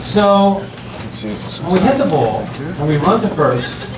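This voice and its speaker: An older man performing stand-up comedy in front of an audience, telling stories with halting restarts and repeated phrases. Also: a little high, sing-song. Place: room with an audience, recorded from a distance. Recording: roomy, distant mic, very noisy.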